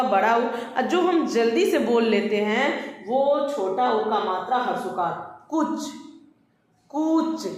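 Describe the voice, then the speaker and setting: Patient woman teacher in an echoey room. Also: a little high. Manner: patient, repeats words slowly to show stress. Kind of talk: online Hindi grammar lesson for children. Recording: very echoey room with long reverb.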